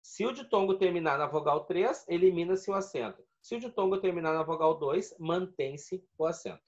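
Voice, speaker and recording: A man's voice: fairly high pitch, moderate pace, lo-fi sound. A man teaching a video lesson, explaining rules step by step and repeating key points. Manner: explanatory, repeats points and counts syllables aloud.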